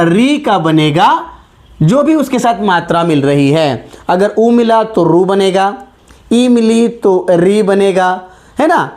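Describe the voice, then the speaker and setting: Slow, patient male Hindi teacher. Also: high voice, darkish tone. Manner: slow and patient, repeats key sounds and asks rhetorical questions. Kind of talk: classroom grammar lesson.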